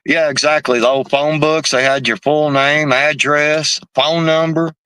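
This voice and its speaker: A man's voice: fairly high pitch, steady tone, measured pace, pushed and bright, clear, resonant tone, dry recording. A man hosting a casual live stream, reading chat messages, talking loosely and profanely and saying "man" and "bro" all the time. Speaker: livestream host reading chat.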